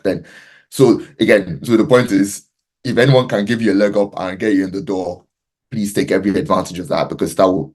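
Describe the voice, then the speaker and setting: A man's voice: sits low, darkish tone. A man speaking as a panelist in a webinar, earnest and emphatic, often restarting his sentences.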